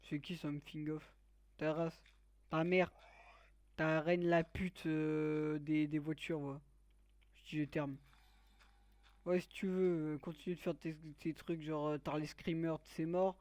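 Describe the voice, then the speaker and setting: A man's voice: on the high side, flat delivery, unhurried, pauses often, darkish tone, no room sound. A man giving let's play commentary, joking crudely and teasing his viewers. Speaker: gaming YouTuber.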